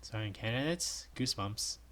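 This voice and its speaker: Guy reading a fan game out loud, bright voice jumping all over, sore throat, faint music behind. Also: on the low side, moderate pace. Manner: animated, switching voices for each character. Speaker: reaction video host.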